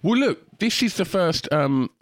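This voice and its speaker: A man's voice: high-pitched, sing-song, a little slow, dry recording. A man with an Essex accent hosting a casual comedy podcast in a blokey, teasing, sweary way. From Essex, England. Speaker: podcast host.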